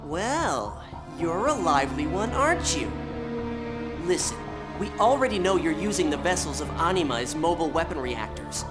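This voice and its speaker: An actor playing a smug, coolly probing researcher, controlled and condescending, in a game cutscene. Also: male voice, fairly high pitch, animated, moderate pace, lightly acted. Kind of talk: dramatic game cutscene acting. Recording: loud music behind the voice.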